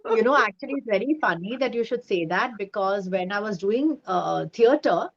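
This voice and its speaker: Guest, an animated storyteller, recorded on a dull lo-fi line. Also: female voice, mid-range voice, moderate pace, a little hiss or hum. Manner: lively storyteller who acts out voices in anecdotes. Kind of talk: casual interview chat. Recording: dull lo-fi sound.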